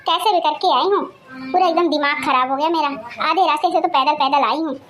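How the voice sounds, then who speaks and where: A woman's voice: sits high, a little fast, fairly bright tone, faint music behind. A woman voicing a tired, thirsty old grandmother in a cartoon who grumbles and scolds. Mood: chatty, grumbling. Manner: scolding, complaining, chatty. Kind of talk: cartoon character voice.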